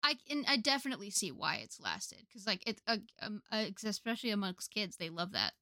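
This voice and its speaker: A woman's voice: mid-range voice, very animated, a little fast, pushed and bright, dry recording. Chatty young woman, dry close sound. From United States. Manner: chatty, laughs often, many fillers. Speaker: podcast co-host. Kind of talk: casual chat.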